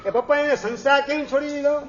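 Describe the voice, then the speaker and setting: A man's voice: a little fast, a bit bright, dull audio. A man voicing a small curious boy who keeps questioning his father. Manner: high, insistent questioning.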